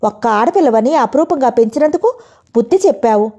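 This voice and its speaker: A woman's voice: a little high, expressive, a little fast, dark tone, muffled recording. A woman reading a worried, warning mother. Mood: anxious, stern. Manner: pleading, warning. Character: worried middle-aged mother, stern but tearful.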